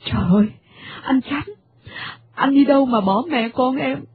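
A woman's voice: high voice, normal speed, voice pushed up. A woman voicing a distraught, tearful young wife in a radio play, pleading, over a tinny broadcast.

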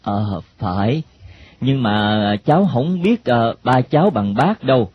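Man voicing a measured friendly stranger, mid pitch, muffled lo-fi recording, faint hiss. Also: animated, breathy edge, dry recording. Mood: confiding. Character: middle-aged male stranger, calm and friendly.

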